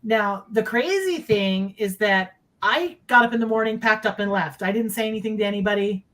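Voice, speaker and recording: A middle-aged woman recounting sightings talks in a medium-pitched, fairly bright voice at a moderate pace. Her story is casual and conversational, told indoors over a video call, with phrases repeated for emphasis.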